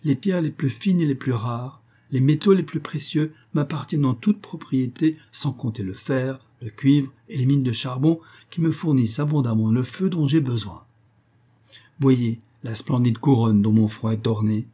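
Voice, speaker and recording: Man reading as a coaxing, boastful underworld king in a storybook, raised voice, mellow and husky tone. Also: mid-range voice, normal speed, close to an everyday voice. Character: smooth, possessive male king of the underworld.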